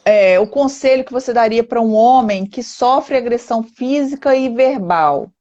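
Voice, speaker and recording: A woman's voice: a little high, normal speed, warm tone, lo-fi sound. A woman with a Brazilian Portuguese accent, hosting a live-stream interview as a therapist and speaking earnestly, often ending points with "né?". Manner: earnest, emphatic, with frequent "né?" tags.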